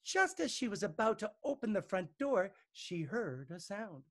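Brief: male teacher reading a picture book to kids, expressive, pitch rising and falling a lot. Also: normal speed. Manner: lively, expressive, playful. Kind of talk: storybook read-aloud.

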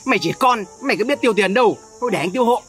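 A cocky teenage bully brags and taunts, played by a woman in a dubbed children's skit. The lines come quick and mocking in a mid-height voice. Faint music runs behind. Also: on the high side, lively intonation, fairly bright tone. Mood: taunting. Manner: taunting, boastful.

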